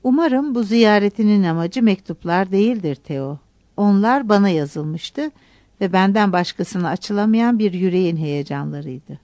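A reserved older woman writer speaks in a measured, gently firm way in an audiobook, as a woman narrator reads her lines. The voice is mellow and warm, recorded close and dry. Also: medium pitch, expressive, no echo, lightly acted.

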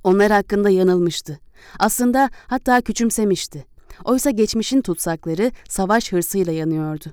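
A woman reading a historical novel aloud as an audiobook narrator, in a measured, deliberate way. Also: mid-range voice, darkish tone, smooth, no room sound, studio quality.

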